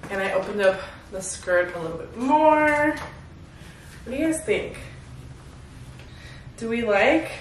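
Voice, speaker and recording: A bubbly young woman chats to camera about outfits, her voice sitting a bit high and turning to her viewers again and again. She sounds relaxed and excited. The recording is echoey, with a faint hiss behind her voice. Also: measured pace, pauses often. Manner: bubbly and chatty, says "you guys" constantly. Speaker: fashion vlogger. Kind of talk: casual try-on haul chat to camera. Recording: echoey room.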